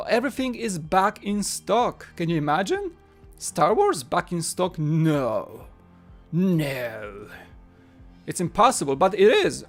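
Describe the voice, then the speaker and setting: A Polish man in his thirties, speaking a language other than his native one, hosts a casual livestream from a small home studio room with background music playing. His voice sits a little high for a man, and he rambles, circling back to repeat short phrases.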